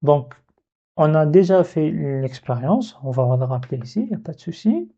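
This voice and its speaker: A man's voice: a little high, big pitch swings, moderate pace, warm tone, breathy edge. A man teaching an Arabic letter in a video lesson, patiently repeating sounds and breaking words into syllables. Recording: dull lo-fi recording.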